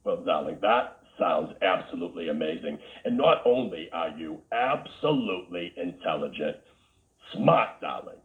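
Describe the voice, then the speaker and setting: In a comedic character interview heard over a tinny, phone-like line, a man plays a flamboyant, theatrical talk-show host with a Boston accent. His low voice is expressive at a normal speed, and he gushes, calls everyone darling and drops camp asides.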